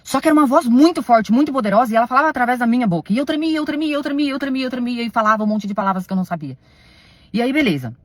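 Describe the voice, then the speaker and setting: Woman, religious testimony, rapid talk, defensive and pleading, hushed to raised, dry close sound. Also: on the high side, no echo. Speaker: self-described servant of God recounting a spiritual experience. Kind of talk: emotional testimony to followers.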